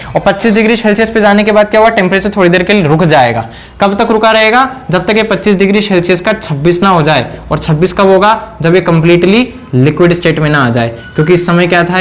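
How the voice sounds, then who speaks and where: A man teaching a whiteboard science lesson, asking questions and answering them himself, repeating key terms slowly. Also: sits high, slight background noise. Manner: mixes in English phrases, repeats key words slowly. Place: indoor room.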